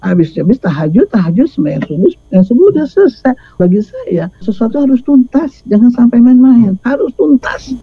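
An older woman, a guest telling lively stories in casual, slangy talk and acting out quoted voices. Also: fairly high pitch, fairly quick, few pauses, breathy edge, dry recording. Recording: slightly muffled dry audio.

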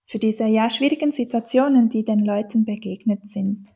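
A warm, higher-pitched female voice with vocal fry and a breathy edge moves at a moderate pace. The speaker, a dialect teacher from German-speaking Switzerland with a Swiss accent, gives thoughtful interview answers peppered with fillers and restarts.

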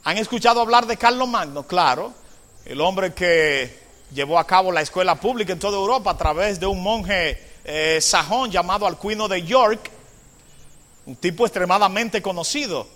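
A man preaching a sermon, moving between hushed asides and loud, drawn-out proclamations, often asking the congregation questions. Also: sits high. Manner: asks the congregation rhetorical questions. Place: church. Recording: long hall reverb.

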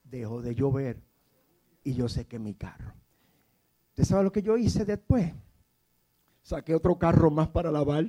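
Mellow-voiced preacher in his fifties. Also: a little high, lively intonation, measured pace, pauses often. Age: 50s. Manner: storytelling, often dropping to a soft hushed voice; asks the congregation to repeat words after him. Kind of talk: sermon.

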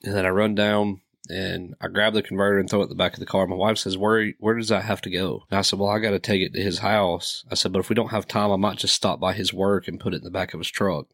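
A man's voice: low voice, flat delivery, fast talker, hardly any pauses, a bit bright, no echo, clean studio sound. A man, telling a profane story casually on a podcast and laughing through it. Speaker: podcast co-host.

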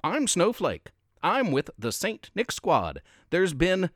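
A man's voice: high voice, huge pitch swings, takes it slowly, fairly bright tone, no room sound, studio quality, voice pushed up, exaggerated voice. A man voicing a prim male Christmas elf who scolds in a proper tone. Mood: formal.

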